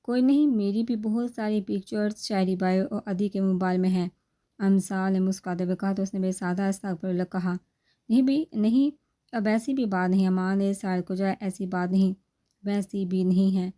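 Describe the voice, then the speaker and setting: A woman reading a comic family novel aloud, narrating and speaking the characters' dialogue in an even, low-key voice that lifts a little for quoted lines. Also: moderate pace. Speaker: novel reader.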